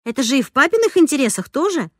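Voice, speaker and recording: A woman narrates a first-person story in a lively, conversational way. Her voice is a little high and recorded close and dry. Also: fast talker, no room sound. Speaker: audiobook reader.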